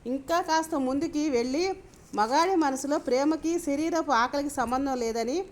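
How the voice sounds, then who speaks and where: A woman's voice: high-pitched, normal speed, lightly acted. A woman reading the lines of an earnest, preachy young man in a novel. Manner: earnest, lecturing.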